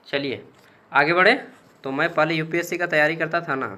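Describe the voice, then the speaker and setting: With a fairly high, steady, sharp-toned voice at normal speed, a young man leads an exam-prep class. He's chatty, uses examples, repeats points and checks in with students, and poses questions only to answer them himself.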